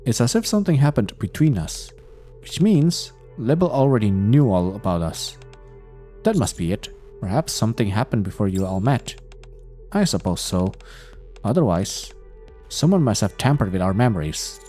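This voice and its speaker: Casting: a man doing a pensive young woman thinking aloud, in a low, mellow voice. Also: big pitch swings, normal speed, faint music behind. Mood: musing. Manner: musing, speculative.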